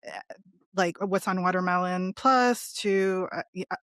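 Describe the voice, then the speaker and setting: Earnest woman on a podcast, low-pitched. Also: a little slow, a bit bright, clean tone, no echo, studio quality. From Palestinian family. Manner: earnest, many restarts and fillers. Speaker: podcast guest panelist. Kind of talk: casual podcast discussion.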